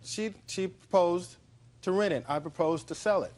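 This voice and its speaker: A man's voice: high-pitched, normal speed, a little mellow. A man testifying as a plaintiff in a TV courtroom, plain-spoken and insistent. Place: television courtroom studio.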